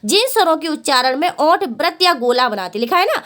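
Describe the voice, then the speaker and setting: A woman's voice: high-pitched, very animated, sharp tone. A woman teaching a Hindi exam-prep lesson. She asks the class a question, answers it herself, and repeats each point, often calling the students "beta". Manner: drawn-out vowel demonstrations.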